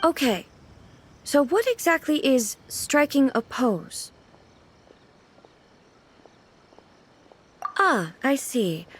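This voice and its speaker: Raiden Ei, a regal, higher-voiced ruler. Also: female voice, big pitch swings, breathy edge, heavily acted. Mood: awkward, self-conscious. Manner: formal, measured, earnest. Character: regal, formal female ruler deity, reserved and earnest. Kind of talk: English video game voice acting. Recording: music behind the voice.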